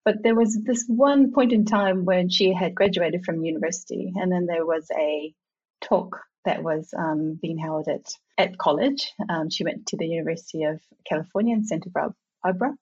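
A middle-aged Samoan woman reflects as a guest in a conversational interview, laughing often and sometimes restarting her sentences. Her low-leaning voice is a little mellow and slightly rough at a moderate pace, on dull, lo-fi audio.

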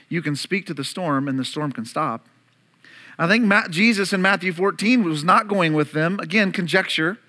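A male pastor's fairly high, bright, forceful voice fills a sermon delivered to his congregation at a church service. He narrates the story with drama and sprinkles in playful remarks to the people present.

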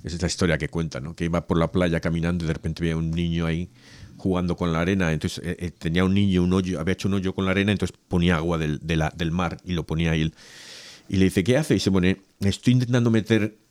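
A man with a low, fairly flat, slightly mellow voice reads a Gospel passage aloud, then chats casually about faith as reader and co-host. He talks fast, hesitating, restarting and laughing as he goes, and the recording is dry.

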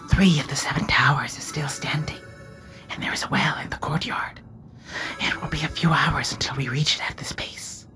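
Man doing a kind male companion, breathy whisper, raised pitch, bright edge, soft music. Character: gentle, caring male companion.

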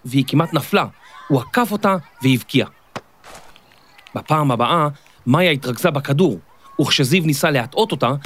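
A man narrating a scripted children's story in a clear, expressive storytelling manner. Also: on the high side. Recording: dry studio, faint music.

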